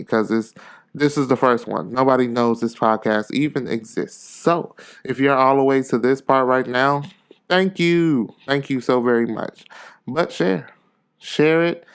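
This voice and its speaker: This man hosts a podcast while recovering from a cold, so his nose sounds blocked and stuffy. He offers rambling, sincere, laid-back motivation, often repeating phrases for emphasis, in a medium-pitched voice that is clear and resonant.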